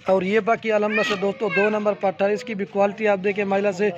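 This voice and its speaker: A man with a Pakistani Urdu accent walks a potential buyer through his goat farm in an outdoor farmyard beside a garden. His voice is high and completely flat, and he speaks casually but salesily, repeating himself and constantly checking "theek hai." The phone audio is slightly muffled, with faint outdoor ambience.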